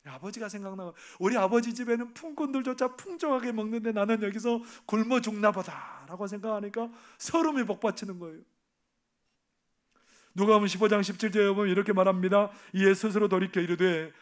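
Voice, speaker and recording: A man preaching a sermon on a parable, asking the congregation questions and acting out the characters' lines, dropping at times to a hushed near-whisper. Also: high voice. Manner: asks the congregation questions and acts out the parable's voices; swings from loud emphasis to hushed, near-whispered asides.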